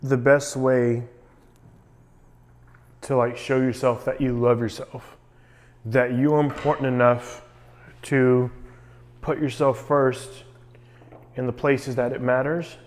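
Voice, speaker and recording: A man's voice: mid-range voice, flat delivery, measured pace, long pauses. A man recording a casual personal vlog, talking in an earnest, reflective way. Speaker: vlogger documenting a cold plunge challenge.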